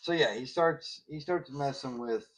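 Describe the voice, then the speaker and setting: A man co-hosting a podcast, chatting casually about a comic book with loud bursts of disbelief and a relaxed drawl. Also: mid-range voice, a little slow, low-quality recording. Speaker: podcast co-host.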